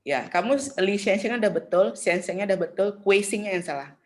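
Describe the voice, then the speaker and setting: A middle-aged woman teaching Mandarin in an online class, chatty and patient, saying tones slowly for students to copy. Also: mid-range voice, a little mellow, a little hiss or hum.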